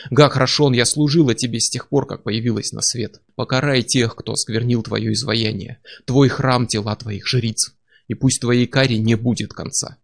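A man's voice: medium pitch, flat delivery, moderate pace, hardly any pauses, lightly acted. A man reading aloud, voicing a young priestess who prays fervently and solemnly for vengeance.

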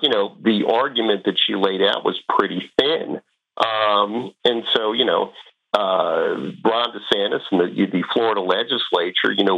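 Low, creaky male radio guest. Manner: halting, explanatory. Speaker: guest expert on immigration law. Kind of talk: radio interview commentary. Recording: muffled, narrow radio audio.

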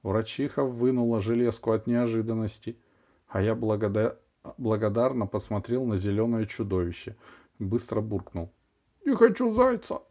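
A male audiobook narrator reading a first-person story with expressive, lively delivery. His voice sits at an everyday middle pitch. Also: normal speed.

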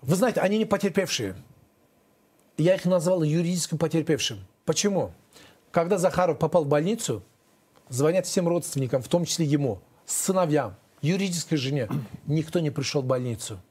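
A man's voice pitched a little above the usual sits at the center of a studio interview. He talks as a former defense lawyer defending himself, emphatic and aggrieved. He rambles, and he breaks off and restarts his sentences often. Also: lively intonation, fairly quick, darkish tone, slightly rough. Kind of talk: interview answers.

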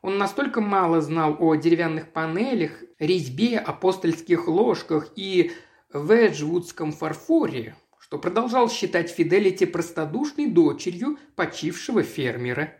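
An audiobook narrator reading a literary story in a measured, even way. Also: medium pitch.

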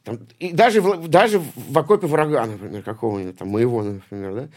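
A St Petersburg punk poet and musician in his late forties chats casually as an interview guest, rambling, cursing a lot and repeating himself with many restarts. His mid-range voice moves at a quick pace and sounds a little mellow.

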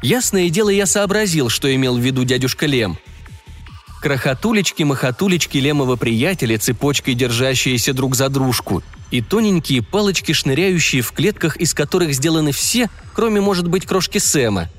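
A man tells a story in a folksy first-person voice, with lively and animated pitch. His voice sits on the higher side. Soft music runs quietly beneath the narration. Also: moderate pace. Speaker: audiobook narrator.

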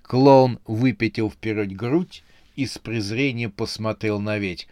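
A man narrating a comic horror novel in a lively storytelling way. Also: on the low side, measured pace, no room sound.

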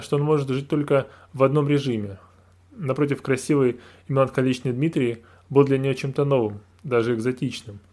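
A man narrating a novel aloud in a calm, measured reading voice. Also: medium pitch. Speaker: audiobook narrator. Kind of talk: scripted narration.

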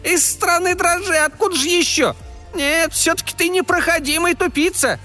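A man voicing a tiny, quick-tempered male fairy in a piercing falsetto, boastful and irritable. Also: expressive, bright, forceful tone, faint music behind, exaggerated voice. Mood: indignant. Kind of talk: audiobook character voice.

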